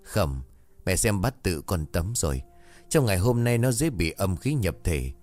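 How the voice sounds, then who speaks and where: A man's voice: sits low, very animated, unhurried, darkish tone, faint music behind. A man voicing a stern middle-aged mother who practices magic and scolds her daughter. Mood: scolding.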